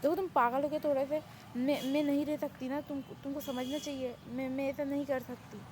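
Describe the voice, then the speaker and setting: A woman's voice: high-pitched, flat delivery, brisk, background noise, natural voice. A woman playing a dramatic young woman held in a palace, stammering and indignant. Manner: stammering, indignant, self-pitying. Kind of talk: Hindi fan-fiction audio story.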